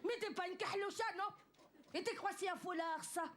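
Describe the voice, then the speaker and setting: A woman putting on a scandalized mother, repeats herself, high voice, noisy club sound. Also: fairly even intonation, brisk. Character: scolding North African mother, exasperated. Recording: noisy live club recording.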